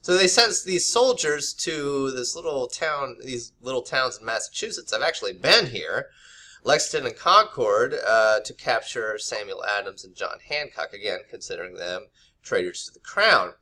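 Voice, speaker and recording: Bright-voiced man teaching history casually. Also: mid-range voice, animated, normal speed. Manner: loose, conversational, many fillers and restarts. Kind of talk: unscripted video lesson. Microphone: camera mic.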